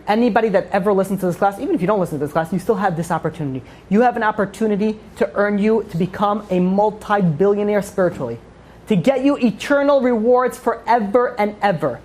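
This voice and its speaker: A woman with a mid-range, somewhat dark voice teaches an informal religious class. Addressing a group, she poses questions with emphasis and then answers them herself.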